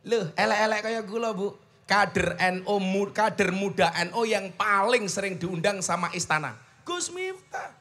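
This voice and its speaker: A man's voice: high voice, fairly even intonation, moderate pace, sharp tone. A middle-aged man with a Javanese accent preaching a sermon at a religious gathering, emphatic and full of rhetorical questions.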